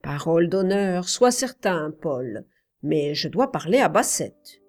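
Woman doing a cautious uncle, gentle, measured, slow storybook voice. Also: fairly high pitch, sing-song, full character voice. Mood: confiding. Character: kindly, cautious male uncle.

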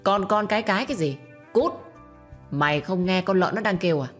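A woman's voice: medium pitch, a little fast, a bit bright, faint music behind, pitched above the performer's own voice, close to an everyday voice. Bossy old lady of the house, stern, barks orders, woman voicing her. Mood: scolding. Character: older mistress of a household, stern and commanding.

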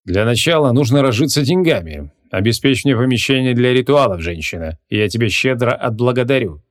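A man's voice: mid-range voice, animated, brisk, lightly acted. A man playing a haughty ancient archmage. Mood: commanding. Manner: commanding, solemn. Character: ancient haughty male archmage, commanding and stern.

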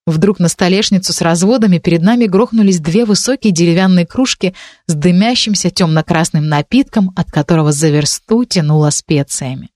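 A woman's voice: fairly low pitch, brisk, a little mellow, dry recording. Woman narrating an audiobook, dry close voice.

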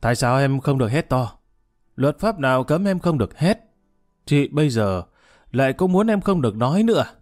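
A man voicing a drunk, emotional young man who slurs and shouts. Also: medium pitch, big pitch swings, normal speed, no echo, clean studio sound, faint music behind, lightly acted. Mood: drunk shouting. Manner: slurred, shouting, tearful.

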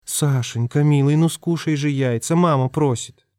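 A man's voice: fairly high pitch, normal speed, a little mellow, clear, resonant tone, no room sound, clean studio sound, close to an everyday voice. A man voicing a doting but short-tempered middle-aged mother who fusses and scolds. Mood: doting, scolding.

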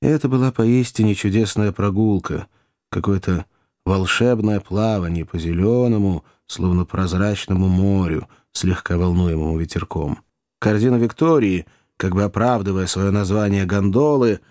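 A man reading an adventure novel aloud in an even, descriptive storytelling manner. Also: fairly low pitch, no echo, studio quality. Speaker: audiobook narrator. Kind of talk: scripted audiobook narration.

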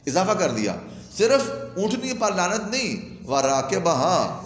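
A man giving a lecture on Arabic grammar, telling an anecdote in a lively way and reciting Arabic phrases before explaining them. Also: sits high. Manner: animated storyteller who recites Arabic phrases and then glosses them. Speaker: religious teacher. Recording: echoey hall with long reverb.

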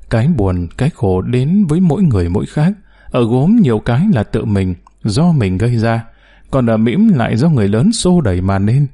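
A man reading a story aloud as narrator, telling it in an expressive way. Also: medium pitch. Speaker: audiobook narrator.

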